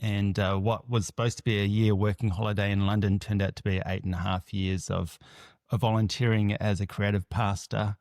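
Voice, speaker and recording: A man's voice: lowish voice, little pitch movement, fairly quick, darkish tone, no room sound. Australian man in his fifties, dry mic. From Western Australia. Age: 50s. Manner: friendly, easygoing storytelling. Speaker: guest, pastor. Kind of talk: casual interview chat.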